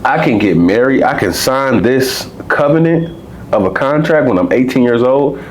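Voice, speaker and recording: A man's voice: medium pitch, lively intonation, normal speed, a little hiss or hum. An American man in his twenties or thirties, co-hosting a podcast, rambling and profane in casual conversation. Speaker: podcast co-host.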